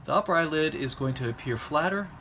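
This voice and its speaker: A man explaining how to draw eyes and mouths, talking while he sketches and pausing between phrases. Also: fairly high pitch, lively intonation, a bit bright, slight background noise. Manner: explanatory, talks while drawing, pauses mid-phrase. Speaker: drawing instructor. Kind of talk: recorded art lesson.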